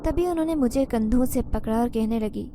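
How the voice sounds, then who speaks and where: A woman telling a first-person story as narrator, giving the family's lines a raised, anxious pitch. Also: dark tone, slight background noise.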